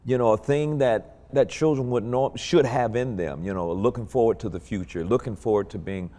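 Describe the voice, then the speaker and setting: A man hosting a talk show as a pastor, speaking slowly and earnestly in a gentle interview. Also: medium pitch, in a large hall.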